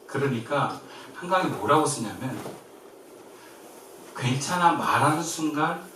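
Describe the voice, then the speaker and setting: A man from Korea preaching a sermon as pastor, in a lively way that swings from emphatic to soft and gentle. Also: on the high side, unhurried, noisy background. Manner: lively, shifts between loud and soft, quiet gentle quoted comfort. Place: church sanctuary. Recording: very echoey church from far off.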